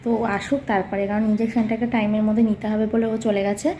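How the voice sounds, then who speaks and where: A woman's voice: medium pitch, flat delivery, fast, mellow, a little hiss or hum. A young woman chatting casually to her viewers while vlogging her day at home, with lots of fillers. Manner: chatty, addresses viewers directly, many fillers. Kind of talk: casual vlog narration to viewers. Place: home, indoors. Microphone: phone camera held by the speaker.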